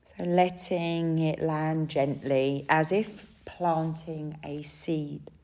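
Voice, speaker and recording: In a soft, soothing manner, a woman guides listeners through yoga nidra relaxation, her short phrases broken up by pauses. Her voice is low and her tone steady.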